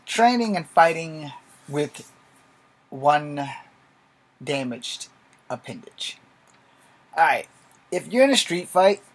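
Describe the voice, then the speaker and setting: A man with a voice a little higher than average speaks in loose, rambling vlog style. He is blunt and informal, dropping swear words freely. He comes across as a martial arts vlogger talking straight to his viewers. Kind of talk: casual rambling vlog talk. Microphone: filming from a laptop.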